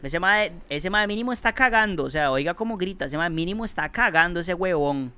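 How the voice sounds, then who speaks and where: A young man giving excitable, swear-filled commentary while streaming a game, yelling when scared. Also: high-pitched, brisk, clear, resonant tone. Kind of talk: let's play commentary.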